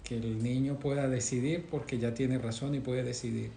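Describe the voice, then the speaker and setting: A man's voice: medium pitch, fairly even intonation, moderate pace, vocal fry, mellow, a little hiss or hum. A man in a church Bible study discussion, searching for words with many fillers. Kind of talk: group discussion. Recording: roomy recording.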